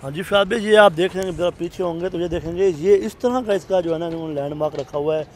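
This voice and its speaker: A Pakistani Urdu-accented man with a fairly high voice walks through floors, rates and payment plans in a steady, businesslike way. He is standing outdoors on a lapel mic. Soft street sound and passing traffic sit faintly behind him. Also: fast, low-quality recording. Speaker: property agent. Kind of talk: explaining details to an interviewer.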